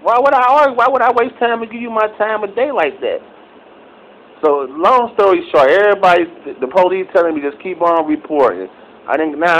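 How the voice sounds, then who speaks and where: A middle-aged man ranting casually into his phone camera, profane and rambling, with loud outbursts and low mutters. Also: slight background noise. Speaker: vlogger. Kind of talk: casual angry rant to camera. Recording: slightly dull phone recording.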